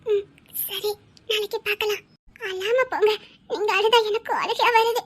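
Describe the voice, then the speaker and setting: A woman with a Tirunelveli Tamil accent, playing a naive, trusting young woman who stammers softly. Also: very high-pitched, steady tone, moderate pace. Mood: shy. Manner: hesitant, stammering, soft. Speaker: actress in a skit. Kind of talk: melodramatic skit acting.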